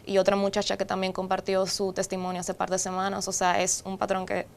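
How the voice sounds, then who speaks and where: A woman's voice: mid-range voice, completely flat delivery, brisk, vocal fry, slight background noise. A Dominican woman appearing as a talk show guest, speaking emphatically and often agreeing with "exacto". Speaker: guest, youth campaign member.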